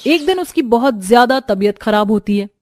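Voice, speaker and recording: A woman's voice: fairly high pitch, lively intonation, normal speed. A woman narrating a dramatic story in a sympathetic storyteller's manner.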